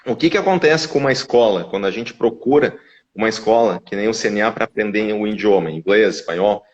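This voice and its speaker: A man's voice: on the low side, a little fast. Gaúcho man explaining patiently, lo-fi. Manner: explanatory, restarts with repeated words. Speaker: guest from an English language school. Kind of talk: casual live-stream conversation. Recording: dull lo-fi audio.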